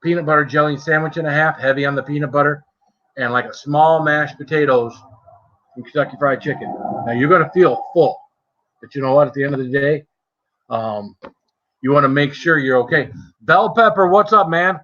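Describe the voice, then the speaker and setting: A man's voice: a little high, fairly quick, a bit bright. A man hosting a casual livestream chat in a chummy, self-deprecating way. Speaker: livestream host. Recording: dull lo-fi stream audio.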